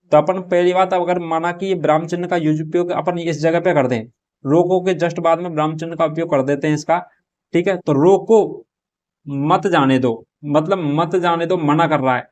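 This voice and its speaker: Male teacher with a slightly high voice, methodical explainer, exam-prep class. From Rajasthan. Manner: explains step by step, asks and answers his own questions. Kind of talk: exam prep lesson, solving a model paper.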